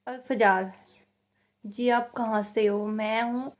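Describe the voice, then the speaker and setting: A woman's voice: on the high side, fairly even intonation, takes it slowly. Chatty young woman reading fan questions. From Uttarakhand, India. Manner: chatty and rambling, repeats herself, laughs at the questions. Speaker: vlogger. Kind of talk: casual Q&A vlog, reading out viewer questions.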